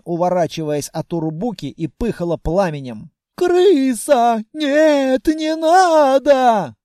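Casting: male narrator for a fantasy audiobook, high and mellow, close and dry. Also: no echo. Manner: lively storytelling, first-person narrator.

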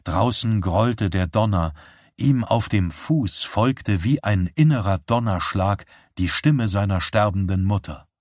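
A man narrates a novel in a low, measured voice. His delivery is even and steady. The sound is dry and close, with no room around it. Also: no echo. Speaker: audiobook narrator.

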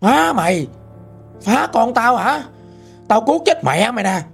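A man voicing a furious middle-aged villager who shouts curses in a shrill raised voice. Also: big pitch swings, unhurried, vocal fry, husky, faint music behind, exaggerated voice.

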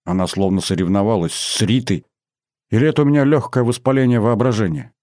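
A male audiobook narrator with a low voice tells the story in a measured way and gives the dialogue more life. The recording is close and dry, with no room sound. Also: dark tone, no echo. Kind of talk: scripted narration.

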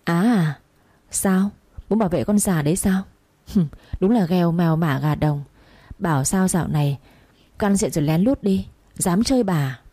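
A woman voicing a furious, scheming middle-aged second wife who scolds in rapid bursts. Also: on the low side, warm tone, breathy edge, no room sound.

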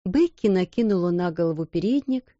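A woman narrating a storybook in an even, measured way, recorded dull and dry. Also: lowish voice, no room sound. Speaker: audiobook narrator.

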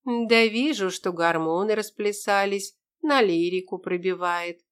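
A woman's voice: mid-range voice, measured pace, smooth, lightly acted. A woman reading an audiobook, voicing a blunt, bossy woman soldier who scolds coarsely. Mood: teasing.

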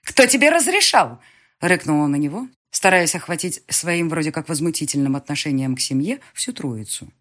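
A woman narrating a first-person fantasy audiobook in an expressive, sardonic way. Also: low-pitched, a little fast.

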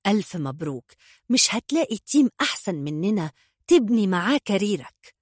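A woman's voice: mid-range voice, sing-song, brisk, a little mellow, slightly rough, dry recording, clean studio sound. A woman voicing a flamboyant, boastful young gangster man with an Egyptian accent, reading a storybook. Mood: smooth pitch. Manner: boastful, showy, eager.

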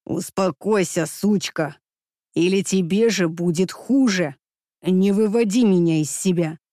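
Woman doing a vicious obsessed male captor, snarling, deeper voice, dry close sound. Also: unhurried, mellow, no echo, lightly acted. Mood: menacing. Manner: hissing, snarling threats. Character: brutal obsessed young male kidnapper.

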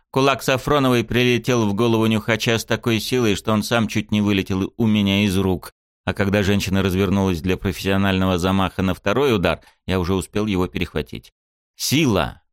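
A man narrating a first-person story in a steady, tense storytelling manner, recorded close in a studio. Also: on the low side, smooth, no room sound. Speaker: audiobook narrator.

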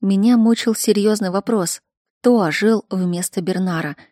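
Mellow-voiced woman narrating a story. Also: medium pitch, normal speed, no room sound, clean studio sound. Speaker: audiobook narrator. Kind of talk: first-person story narration.

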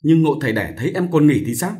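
A man's voice: on the high side, expressive, fast talker, mellow, voice pushed up, close to an everyday voice. A man voicing a distressed young married woman, an elder sister who pleads and weeps. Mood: anxious. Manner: tearful, pleading.

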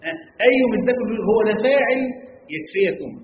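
A man's voice: very high voice, lively intonation, a little fast, slight background noise. A man with an Egyptian Arabic accent teaching a classroom lesson, constantly quizzing his students and checking they follow. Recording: echoey hall, dull lo-fi sound.

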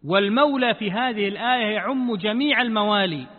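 A man teaching a Quran commentary lesson. He addresses his listeners as brothers, poses rhetorical questions and answers them, and slows down when quoting verses. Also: high voice. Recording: tinny lo-fi audio with long hall reverb.

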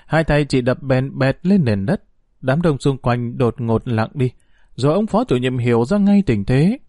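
A man reading a story aloud as narrator, in an expressive storytelling manner. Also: mid-range voice, a little slow, no echo, studio quality.

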